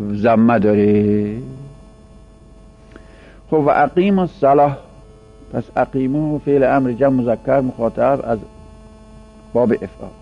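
A man's voice: mid-range voice, gravelly. Man lecturing over a dull, humming recording. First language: Persian. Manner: explains slowly, drawing out example words. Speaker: teacher of Arabic grammar. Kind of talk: classroom lecture. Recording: dull lo-fi recording with mains hum.

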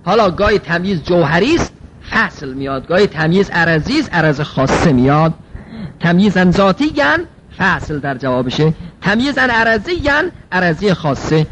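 A man's voice: high voice, fairly bright tone, a little hiss or hum, low-quality recording. A man teaching a seminary-style logic class. He reads Arabic phrases aloud, then explains them in everyday speech, asking rhetorical questions and answering them himself.

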